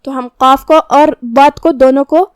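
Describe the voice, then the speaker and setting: A woman with a Pakistani Urdu accent teaching recitation rules methodically, explaining each letter's articulation and then chanting the words slowly and drawn out. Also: high voice, steady tone, no room sound, clean studio sound. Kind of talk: tajweed lesson with slow chanted recitation.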